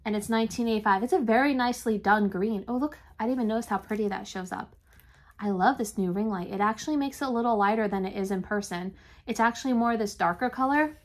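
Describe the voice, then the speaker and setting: Talking fast to the camera on her desk in a home craft room, an enthusiastic, chatty woman reseller vlogger shares a casual shop-with-me haul. Allergies leave her touch-high voice a bit raspy and congested, with occasional throat clearing.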